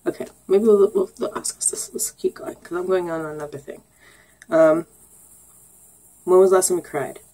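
A woman's voice: lowish voice, normal speed, pauses often, mellow, rough recording. A young woman vlogging casually, rambling and giggling, with lots of ums and sarcastic asides. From Canada. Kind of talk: casual get-to-know-me vlog.

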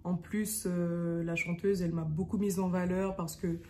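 A woman's voice: on the low side, flat delivery, normal speed, background noise. A young woman from French Guiana, an actress, chatting enthusiastically to camera in a casual vlog from an indoor apartment room. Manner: bubbly, enthusiastic, warm fillers. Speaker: actress vlogger.

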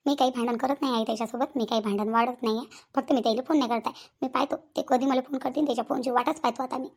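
Give me a woman playing a stubborn young wife, fast and high-pitched. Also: steady tone, gravelly, breathy edge, full character voice. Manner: complaining, repeats herself. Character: sulky stubborn young wife at her mother's. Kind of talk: cartoon voice acting.

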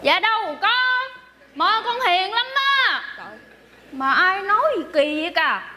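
A woman's voice: very high voice, animated, takes it slowly, bright, forceful tone, slight background noise, heavily acted. A woman playing a young, chatty servant who is testifying loyally for her mistress, rambling and hesitating with many fillers. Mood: earnest, gossipy. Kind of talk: stage comedy skit.

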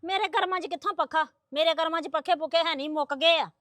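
A woman plays a young married woman who complains tearfully about her in-laws. Her voice is very high and the recording is dry. She sounds hurt and aggrieved. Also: fast talker, fairly bright tone, no echo. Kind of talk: comedy skit acting.

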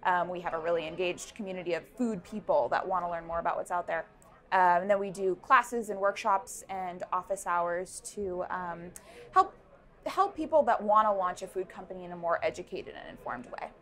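A young adult woman, a startup founder, gives interview answers at a busy indoor networking event, picked up on a lapel mic. Her voice is fairly low and fairly bright, and her delivery is thoughtful and halting, full of ums and restarts.

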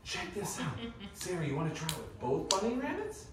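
A woman's voice: on the low side, wildly swooping pitch, moderate pace, crowd noise. A woman performing as a kids' party magician, playfully coaxing and instructing children through live magic show patter. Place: indoor children's birthday party. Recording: echoey noisy room, distant microphone.

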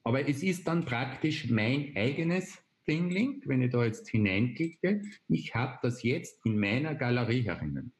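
A man, explaining a software tool step by step on a video call, with frequent hesitation fillers. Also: medium pitch, animated, measured pace, hardly any pauses. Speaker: presenter. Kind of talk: online webinar demonstration. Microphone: video call webcam.

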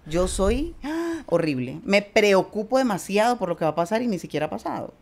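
A woman's voice: mid-range voice, lively intonation, brisk, vocal fry. A woman from Colombia with a Cali accent, a podcast guest chatting candidly and animatedly, swearing freely and laughing often. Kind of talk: candid casual interview chat.

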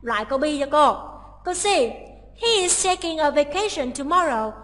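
A woman's voice: high voice, lively intonation, moderate pace, fairly bright tone, in a large hall. A woman teaching English exam preparation, explaining answers step by step and reading English lines aloud. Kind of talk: exam-prep lesson.

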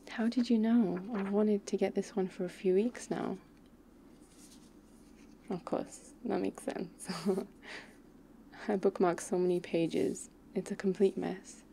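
Woman doing a clingy teasing girlfriend, soft intimate ASMR role-play, slow n mellow, bit creaky. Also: medium pitch, a little hiss or hum. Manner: intimate soft voice dropping into speaks softly, slow and tender. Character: affectionate, playfully pouty young girlfriend, clingy and teasing.

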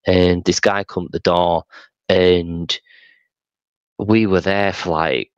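Middle-aged male, low register, conversational storyteller who rambles with emphasis; close dry sound, dulled by the call. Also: little pitch movement, slow pace, clean tone, no echo, highs cut off. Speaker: street evangelist being interviewed. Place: small room at home, video call. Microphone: headset microphone.

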